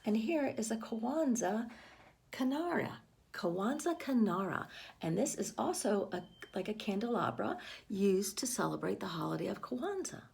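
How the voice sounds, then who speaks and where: Reading a picture book to children, this storyteller uses a medium-pitched, slightly mellow voice with vocal fry and big pitch swings at a moderate pace. She reads expressively, stopping for asides and questions to her young audience.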